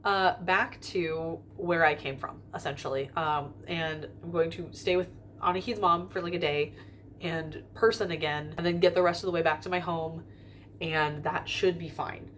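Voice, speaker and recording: A woman's voice: low-pitched, fairly even intonation, moderate pace, fairly bright tone, slight background noise. A young woman telling a story to the camera in an airport terminal, rambling with lots of fillers and restarts. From United States. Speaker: vlogger. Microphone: camera filming herself in front of a window.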